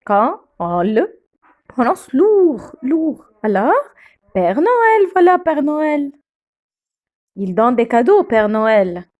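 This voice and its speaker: A woman teaching beginner French pronunciation, saying each word slowly and repeating it several times. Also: high-pitched, sing-song, a little mellow, lo-fi sound.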